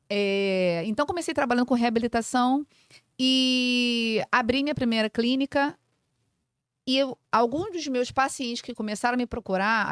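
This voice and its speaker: A woman's voice: on the high side, no echo. A woman in her forties from Brazil, a clinic owner and physiotherapist, explaining treatments in a didactic, casual podcast chat. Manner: didactic, explains with simple comparisons and frequent fillers.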